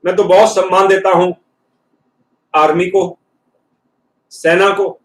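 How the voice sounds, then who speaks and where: A man, a professor, giving an earnest motivational talk in a lecture hall and slowing down to stress key words. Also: high voice, level tone. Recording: echoey hall, speaker far from mic.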